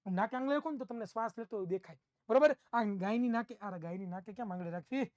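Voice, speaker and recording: A man's voice: high-pitched, quick pace, a little mellow, no room sound. A male science teacher, giving an online class in a playful way, repeating phrases and acting out students' replies.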